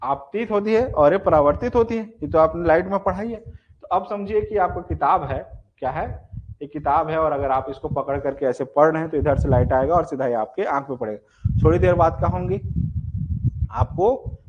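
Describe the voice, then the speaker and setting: Man teaching, slightly higher voice. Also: a little mellow. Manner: explanatory, repeats "ठीक है" and quiz questions; demonstrates with gestures and a book. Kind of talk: live exam-prep class. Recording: dull lo-fi sound with faint noise.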